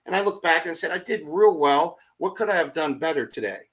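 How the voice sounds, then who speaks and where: A middle-aged man on a motivational podcast, telling energetic stories full of rhetorical questions and acted-out asides. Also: fairly high pitch, brisk. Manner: acts out his own thoughts in quoted asides. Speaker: podcast guest.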